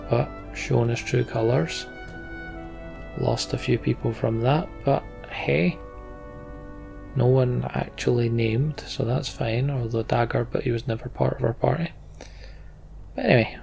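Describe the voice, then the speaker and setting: Video game music plays behind a British man with a creaky, medium-pitched voice. Hosting a let's play, he mutters to himself, reads the game's story aloud, and keeps up casual, wry commentary.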